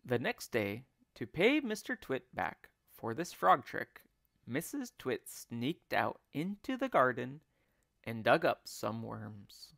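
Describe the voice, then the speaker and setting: A man who teaches English, reading a children's book aloud in an expressive, deliberate way. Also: medium pitch, gravelly, no room sound, studio quality. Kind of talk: children's read-aloud storytelling.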